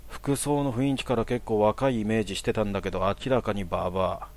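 A young man telling a personal horror story in a hushed, casual way. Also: fairly low pitch, fairly even intonation, quick pace.

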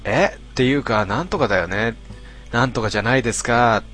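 A man casually reading out listener posts and answering each one with dry, deadpan remarks. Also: medium pitch, fairly quick, soft background music. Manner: deadpan, wry retorts between readings. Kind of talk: casual commentary reading comments.

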